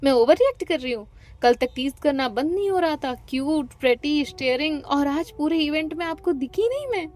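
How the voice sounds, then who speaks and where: A woman's voice: sits high, expressive, moderate pace, a little mellow, voice pushed up. A woman voicing a fiery, jealous young woman who fires off angry, sarcastic retorts in an audio love story.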